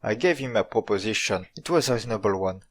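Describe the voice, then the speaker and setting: A man's voice: lowish voice, lively intonation, fast. A man with a French accent, a native French speaker, narrating an informal video story in a dry, tongue-in-cheek manner. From France.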